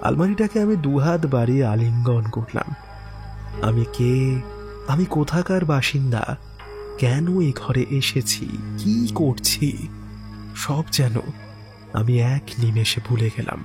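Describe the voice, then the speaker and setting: Slowly and with long pauses, a medium-pitched man narrates his own horror story in an expressive, theatrical style full of musing asides and exclamations. Background music accompanies him.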